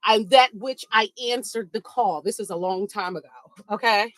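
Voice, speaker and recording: A woman telling a funny story in a sassy, animated way, talking to listeners as girl and baby while she walks on a treadmill. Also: mid-range voice, moderate pace, no room sound. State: walking on a treadmill. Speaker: podcast host. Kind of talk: casual storytelling while walking. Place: home treadmill, indoors.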